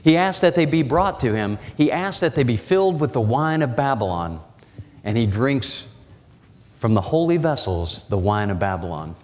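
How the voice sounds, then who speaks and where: A man in his forties preaching a sermon in a church, walking the platform and slowing down, dropping his voice low for dramatic emphasis. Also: big pitch swings, a little mellow. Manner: walks the platform, gesturing as he preaches. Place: church sanctuary. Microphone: lapel mic and pulpit mic. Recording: church hall reverb.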